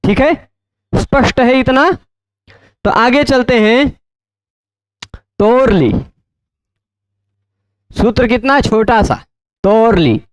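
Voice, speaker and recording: A man teaching Sanskrit grammar in a lecture, often asking his students check questions and repeating terms slowly. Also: very high voice, animated, dry recording. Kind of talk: explanatory lecture.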